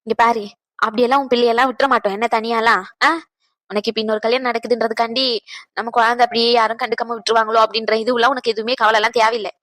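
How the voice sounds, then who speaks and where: A woman voicing a motherly older aunt in a cartoon, who comforts and gently scolds. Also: fairly high pitch, rapid-fire, no room sound. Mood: soothing. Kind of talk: cartoon dubbing.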